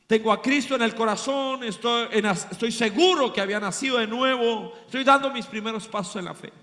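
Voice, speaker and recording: High bright-voiced preacher in a hall. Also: male voice. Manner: dramatic storytelling, swings from loud to hushed. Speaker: pastor. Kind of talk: sermon. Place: large hall at a pastors' retreat. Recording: long hall reverb.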